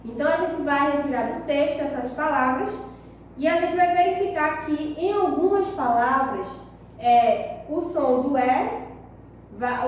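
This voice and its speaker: High-voiced woman teacher in an echoey room. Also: a little mellow, a little hiss or hum. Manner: slow, deliberate explaining with frequent check-ins. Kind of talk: recorded school lesson. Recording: very echoey, distant mic.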